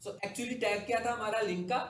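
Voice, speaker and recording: A man's voice: high-pitched, fairly even intonation, brisk, fairly bright tone, a little hiss or hum. A man teaches a class while showing his screen. He keeps asking his students questions and answers them himself. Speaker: digital marketing instructor. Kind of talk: classroom lecture with screen demo.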